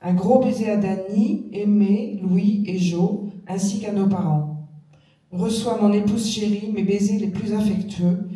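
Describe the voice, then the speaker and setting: Dark, mellow letter reader, steady, distant and echoey. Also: mid-range voice, measured pace. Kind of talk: public reading of letters. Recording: echoey room, voice from far off.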